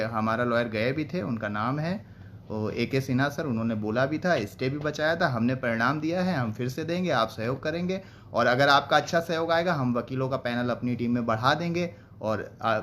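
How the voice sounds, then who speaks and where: A man's voice: mid-range voice, fairly bright tone, a little hiss or hum. A young man organizing a teachers' group, talking on a live stream, earnest and appealing, growing heated and insistent as he answers viewers.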